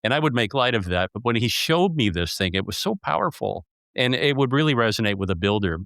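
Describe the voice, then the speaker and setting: A man's voice: mid-range voice, lively intonation, brisk, vocal fry, a bit bright, dry recording, studio quality. A man hosting an interview, asking questions in a playful, joking way and setting them up with stories. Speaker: podcast host, interviewer. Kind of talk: conversational interview.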